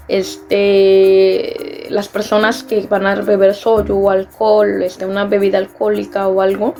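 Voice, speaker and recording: A woman's voice: medium pitch, vocal fry, dark tone. A young Mexican woman chatting casually in a vlog, filling her talk with "este" and laughing at herself. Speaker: vlogger. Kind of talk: casual vlog explaining customs.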